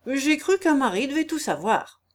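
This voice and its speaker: A bold, mocking nobleman from a storybook, teasing and sure of himself, as a woman reader puts him on. The voice sits fairly high. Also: very animated, normal speed.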